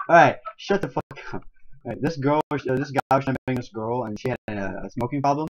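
A man's voice: mid-range voice, fast talker. A young man telling a rambling joke story to a friend in casual chat, laughing and swearing as he goes. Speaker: channel co-host. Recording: dull lo-fi recording.

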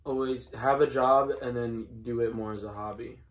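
A man's voice: medium pitch, fairly even intonation, moderate pace. A young man chatting casually and giving blunt, brief, matter-of-fact advice as a co-host. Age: young adult. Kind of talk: casual chat. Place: small room at home, indoors.

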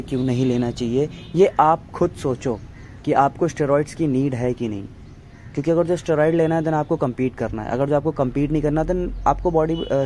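A man's voice: mid-range voice, darkish tone, slight background noise. Young man giving blunt gym advice. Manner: earnest, blunt advice with English loanwords. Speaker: fitness channel host. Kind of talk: voice-over motivational talk.

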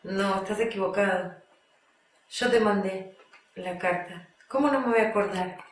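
A woman's voice: medium pitch, normal speed, reverberant, recorded from a distance, close to an everyday voice, rough recording. An actress with an Argentine Spanish accent playing an abandoned woman who pleads with her former lover over the phone, answering a caller no one else hears. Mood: hushed, pleading. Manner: speaks to an unheard caller, breaks into screams and sobs. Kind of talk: stage monologue on the phone.

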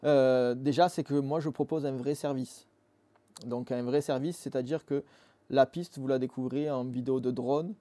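Recorded on a lapel mic in a dimly lit motorcycle workshop studio, a Marseille-born app founder in his thirties walks through his points one step at a time during an interview. His talk is earnest and casual, packed with fillers, and his warm, medium-pitched voice moves at a normal speed with fairly even intonation.

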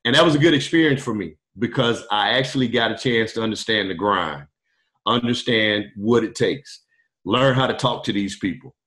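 A middle-aged man, a podcast guest, telling his story in a relaxed, rambling way with many fillers over a video call. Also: lowish voice, normal speed. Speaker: podcast guest, truck driver turned wholesaler. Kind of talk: casual storytelling interview. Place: indoor room, video call. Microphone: webcam on video call.

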